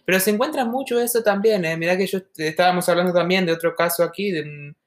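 Earnest Argentine woman, low voice. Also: fast. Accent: Argentine Spanish, softened toward neutral. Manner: earnest, reflective, talks at length. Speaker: podcast co-host. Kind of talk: casual podcast conversation.

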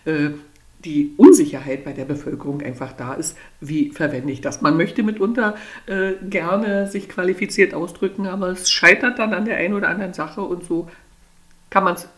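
Brief: woman author, lower voice, reading her book aloud, expressive. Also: moderate pace. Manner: lively, expressive storytelling.

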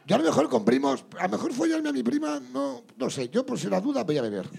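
Gravelly high-voiced joking man. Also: huge pitch swings, fast. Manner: crude, loud laughter, teasing. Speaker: comedian hosting a drinking-game show. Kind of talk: bawdy comedy banter before a live audience.

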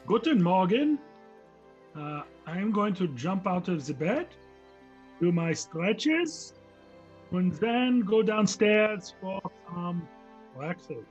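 Brief: male player, very high and lively pitch, slow playful delivery, dull lo-fi mic. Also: soft background music. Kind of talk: casual in-character chat.

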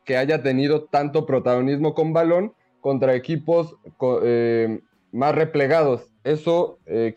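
A man giving conversational football analysis in a hesitant, measured way. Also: medium pitch, warm tone, dull audio.

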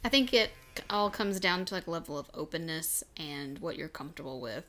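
Playful young woman, bright voice. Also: deep voice, animated, fairly quick. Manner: playful, teasing, chatty with many fillers. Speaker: podcast co-host. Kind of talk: casual couples podcast chat.

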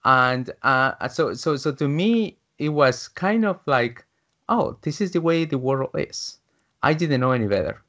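A Guatemalan business coach in his fifties, a man appearing as an interview guest, recounts his life story with many fillers and restarts. His mid-range voice is animated and fairly bright, and he speaks a little slowly. The audio is dull and lo-fi.

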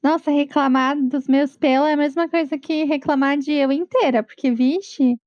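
A woman with a Brazilian Portuguese accent, talking casually on a podcast with expressive, exclamatory reactions. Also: sits high, normal speed, dry recording. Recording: dull dry lo-fi mic.

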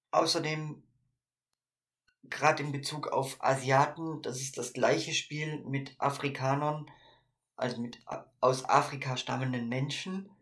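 A man's voice: mid-range voice, a bit bright. A man co-hosting a casual podcast, thinking aloud with frequent fillers and restarts. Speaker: podcast co-host.

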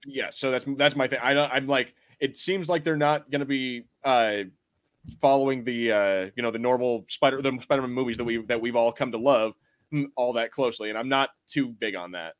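Rambling along in slangy, casual talk, a male co-host discusses pop culture on a podcast. His voice is mid-range and fairly quick.

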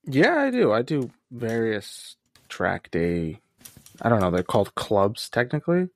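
A man's voice: mid-range voice, big pitch swings, unhurried. A man co-hosting a casual podcast, bantering in a wry, teasing way. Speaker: podcast co-host.

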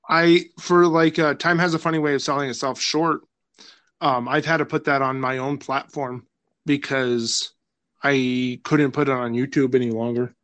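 A man's voice: medium pitch, fairly even intonation, moderate pace, a bit bright. A man guesting on a podcast, chatting casually in a laid-back, rambling way, laughing often and swearing freely. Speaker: podcast guest, film director.

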